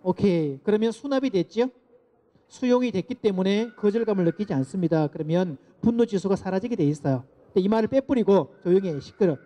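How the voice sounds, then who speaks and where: High-voiced man lecturing parents. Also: a little fast. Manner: animated, asks the audience to repeat phrases. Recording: dull lo-fi lecture recording.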